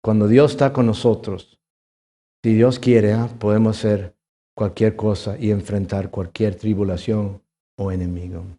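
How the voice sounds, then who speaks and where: Slow, mellow-voiced middle-aged preacher. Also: male voice, lowish voice, fairly even intonation. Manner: swings between loud emphatic rises and hushed quiet passages; punctuates points with questioning "ah?" tags. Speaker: pastor. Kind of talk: sermon.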